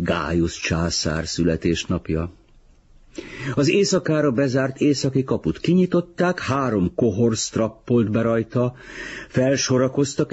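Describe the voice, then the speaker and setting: Egy férfi, aki nyugodt, kimért tempóban olvas fel egy regényt hangoskönyvként, rekedtes hangon. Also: male voice, lowish voice, breathy edge, muffled recording. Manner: calm, measured literary reading. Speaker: audiobook reader. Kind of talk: audiobook narration.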